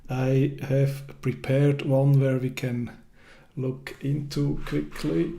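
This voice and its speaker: A man hosting a casual interview, speaking hesitantly with many pauses and restarts. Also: medium pitch, little pitch movement, gravelly, dark tone. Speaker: host.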